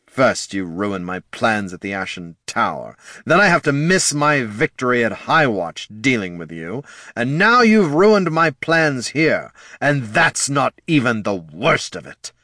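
A man voicing an exasperated, scornful undead sorcerer father in an audiobook, speaking slowly and with contempt. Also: on the low side, very animated, fairly bright tone, no room sound, studio quality, full character voice. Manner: slow, weary, contemptuous. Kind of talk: audiobook character voice.

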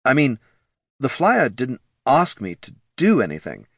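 Homem fazendo um recruta morto-vivo casual. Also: male voice, mid-range voice, huge pitch swings, measured pace, fairly bright tone, breathy edge, no room sound, studio quality, pitched above the performer's own voice, exaggerated voice. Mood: nervous. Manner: offhand, matter-of-fact.

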